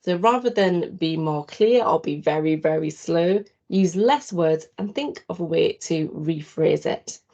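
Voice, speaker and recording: Woman presenter, patient, explanatory, slightly low and gravelly, video call talk. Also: lively intonation, measured pace, hardly any pauses, darkish tone, muffled recording. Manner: patient, explanatory, poses questions to listeners. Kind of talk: awareness talk to students.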